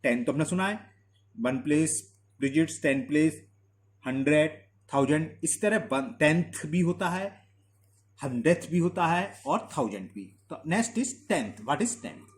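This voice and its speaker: Guy teaching maths in hindi-english, asks himself questions, slows way down for definitions, fairly high animated voice. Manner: mixes Hindi with English terms, asks and answers own questions; slows to dictate definitions word by word. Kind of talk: classroom lesson explanation.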